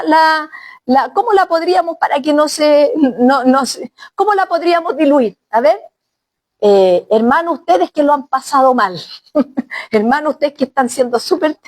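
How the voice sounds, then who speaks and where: A woman's voice: sits high, animated, unhurried, long pauses. A woman pastor preaching a sermon, often exclaiming and speaking straight to the congregation as brother and sister. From Chile.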